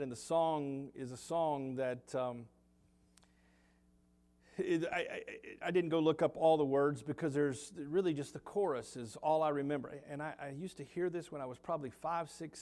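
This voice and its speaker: A middle-aged pastor from the United States with a Southern accent preaches a sermon in a church sanctuary. He swings between loud emphasis and quiet, low asides.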